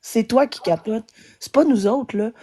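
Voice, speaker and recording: A woman's voice: fairly high pitch, unhurried, dark tone, slightly rough. A woman with a Québécois French accent ranting angrily as a guest on a live stream, swearing often. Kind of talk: angry live-stream rant.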